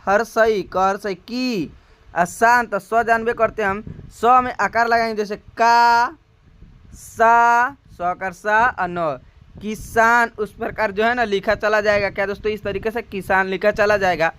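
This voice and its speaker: Man teaching Hindi syllables, high clear voice. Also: steady tone, a bit bright. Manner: drawn-out spoken syllables, repeated rhetorical questions. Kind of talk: slow classroom explanation.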